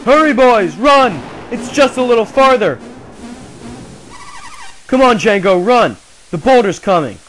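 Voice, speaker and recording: A man voicing adult villagers straining under a heavy load, shouting orders, in a hissy home recording. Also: extremely high pitch, expressive, a little slow, long pauses, faint music behind, voice pushed up, heavily acted.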